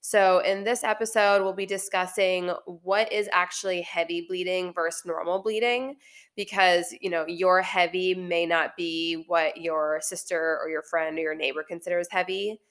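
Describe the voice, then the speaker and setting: Woman podcast host, a bit stuffed up, lowish voice, chatty explaining vibe. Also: fairly even intonation, moderate pace, a bit bright. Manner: friendly, explanatory. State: congested, recovering from illness. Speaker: podcast host, naturopathic doctor. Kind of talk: casual health podcast talk.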